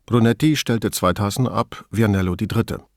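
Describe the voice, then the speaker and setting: A man narrating an audiobook in a measured, expressive storytelling manner. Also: on the low side, no echo, studio quality. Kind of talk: scripted narration.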